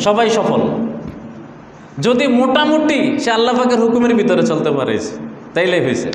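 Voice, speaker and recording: A man giving a sermon, asking rhetorical questions and answering them in a lower voice. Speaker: mufti preacher. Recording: echoey hall with faint background noise.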